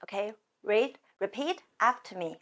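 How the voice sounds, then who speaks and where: A woman with a Chinese accent teaching beginners to count in Chinese, drawing out each sound slowly for learners to repeat. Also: mid-range voice, animated, a bit bright. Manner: slow, careful, drawn-out sounds. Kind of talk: slow language lesson. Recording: music playing behind.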